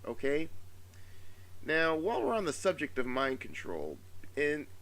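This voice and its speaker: A man with a slightly subdued, sore-throated voice gives a casual, rambling opinion commentary, halting, exasperated and swearing freely. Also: fairly high pitch, wildly swooping pitch, a bit bright. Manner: profane, exasperated, halting with emphatic stresses. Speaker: solo video commentator.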